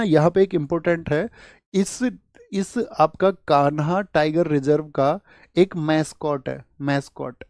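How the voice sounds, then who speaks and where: A man from India teaching an exam-prep lecture, lively, asking his students questions and repeating the answers. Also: on the high side, no room sound, studio quality. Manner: lively, asks the class questions, rhetorical repeats.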